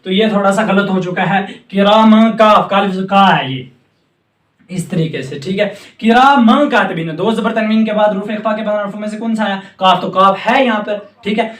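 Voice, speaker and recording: A man with a high, light voice teaches recitation at a board. He drills each sound slowly and keeps repeating reminders to remember. The room rings with echo, and he stands some distance from the mic. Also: a bit bright. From Jammu and Kashmir. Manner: patient, repetitive drilling of sounds, often says remember. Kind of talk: tajweed lesson at a board. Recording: echoey room, speaker away from mic.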